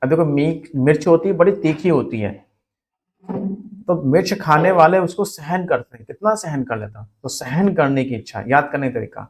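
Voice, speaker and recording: A man teaching a Hindi spelling lesson for exam students, repeating each word slowly so it sticks. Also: on the high side, expressive.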